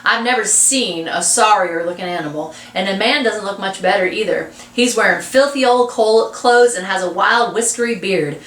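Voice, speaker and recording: Woman read-aloud voice, casual asides, middle pitch, echoing room. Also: normal speed, hardly any pauses, fairly bright tone. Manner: chatty asides to listeners. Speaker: reader. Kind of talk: reading a children's novel aloud. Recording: roomy echo.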